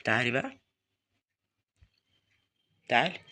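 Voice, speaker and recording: A man's voice: medium pitch, very animated, measured pace, pushed and bright, a little hiss or hum. A young man with an Egyptian Arabic accent commentating a horror game, nervously muttering prayers and taunting the game. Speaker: gaming YouTuber.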